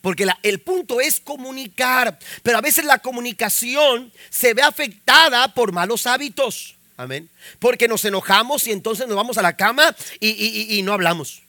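A man's voice: extremely high pitch, expressive, normal speed, pushed and bright, no room sound, clean studio sound. A young adult male pastor, preaching a sermon and punctuating it with frequent amens and rising emphasis.

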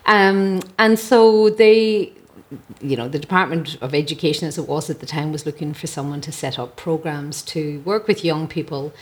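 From her home, a mental health advocate guests on a podcast, relating her own story in a reflective, chatty way. She is a middle-aged or older Irish woman with an Irish accent, a low-pitched voice, and normal speed.

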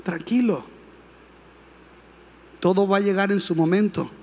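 A male pastor preaching a sermon, building to shouts and calling on the congregation to respond. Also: high voice, fairly even intonation, measured pace, breathy edge. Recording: long hall reverb.

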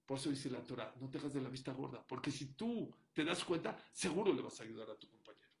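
A man giving a sermon, telling a story and swinging from hushed to loud as he makes his point. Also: medium pitch, fast talker. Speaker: rabbi.

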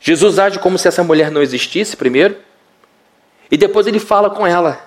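Brazilian pastor preaching, dramatic delivery. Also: male voice, high-pitched, a little fast. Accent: Brazilian Portuguese. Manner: dramatic storytelling, acts out quotes. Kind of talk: sermon.

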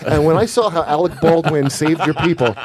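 High-pitched brash man over crowd noise. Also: a little fast. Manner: brash, profane. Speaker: talk show host. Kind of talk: casual comedic banter.

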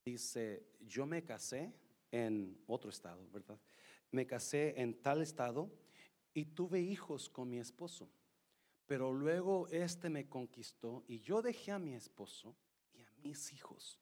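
A man's voice: mid-range voice, expressive, a little slow. A middle-aged man preaching a sermon, telling a personal story and mixing English words into Spanish. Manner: shifts from loud reading to soft storytelling. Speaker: pastor.

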